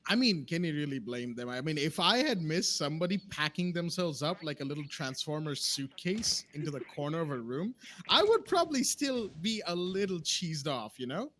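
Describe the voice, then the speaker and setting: A man doing play-by-play esports commentary who gets excitable and loud when the action picks up. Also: normal speed. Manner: excitable, voice jumps high in big plays. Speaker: esports caster.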